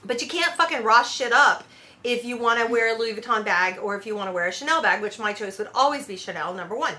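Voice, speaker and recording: A woman hosting a podcast, chatting in a brash, animated way and swearing freely. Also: fairly high pitch, fast talker. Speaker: podcast host. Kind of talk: casual chat.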